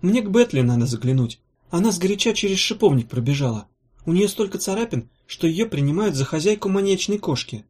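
A man reading an audiobook voices a fussy, practical female valkyrie healer with a brisk, blunt manner. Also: high voice, sing-song, darkish tone, voice pushed up. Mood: matter-of-fact. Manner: brisk, blunt, a little embarrassed.

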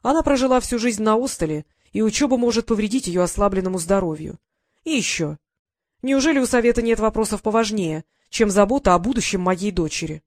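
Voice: medium pitch, lively intonation, no echo, natural voice. Reader voicing a haughty older lord, clipped and imperious, dry booth. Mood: calm, haughty. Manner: cold, measured, rising to anger.

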